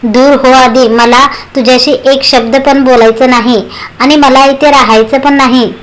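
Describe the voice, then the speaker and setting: Angry young wife, cutting and stubborn, read by a woman, high voice. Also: fairly even intonation, a little slow, rough recording. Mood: furious. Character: furious young wife, sharp-tongued and stubborn.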